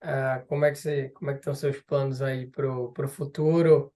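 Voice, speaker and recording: A man hosting a casual interview, relaxed, moving the conversation toward its close. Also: medium pitch, a little fast. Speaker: interviewer host.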